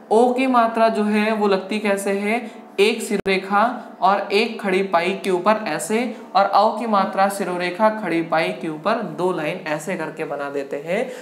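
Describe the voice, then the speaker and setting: A woman's voice: mid-range voice, a little hiss or hum. A woman teaching an exam-prep language lesson, drilling the class with questions she answers herself. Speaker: Hindi teacher. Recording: echoey room.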